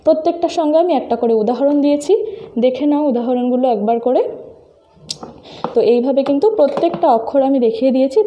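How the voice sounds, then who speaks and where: A woman's voice: high-pitched, highs cut off. A woman teacher patiently walking her students through a lesson step by step, speaking to them directly. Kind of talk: screen-recorded lesson explaining phonetic symbols.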